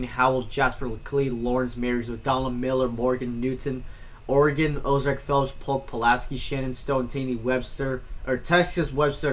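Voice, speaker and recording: A man's voice: medium pitch, fairly bright tone. A man giving casual live storm coverage, rambling with frequent fillers and self-corrections. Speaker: storm streamer. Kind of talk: live weather stream commentary.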